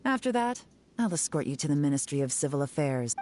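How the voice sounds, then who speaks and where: A woman voicing a cool, self-assured enforcer in a video game, measured and commanding with a wry, stern edge. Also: deep voice, very animated, darkish tone.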